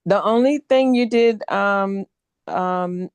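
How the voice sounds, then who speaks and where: A woman gives quick, direct feedback on student charts during a live class over a video call. Her voice sounds dry and close, with no room echo. Her pitch sits in an ordinary middle range. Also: clear, resonant tone. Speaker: co-instructor. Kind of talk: casual teaching on a video call.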